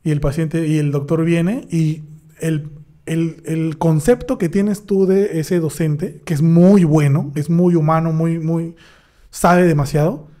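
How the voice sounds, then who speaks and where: Hombre peruano contando anécdotas, voz oscura. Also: male voice, on the high side, measured pace. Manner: animated anecdote telling, acts out dialogue. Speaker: podcast co-host, dentist. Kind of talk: casual storytelling.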